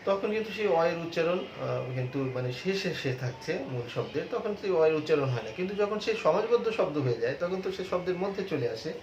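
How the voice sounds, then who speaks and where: A male teacher giving a classroom lecture on pronunciation, explaining patiently, repeating points and drawing out example words slowly. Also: fairly high pitch, lively intonation, darkish tone. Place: classroom with a board. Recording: echoey room, dull sound, faint hiss.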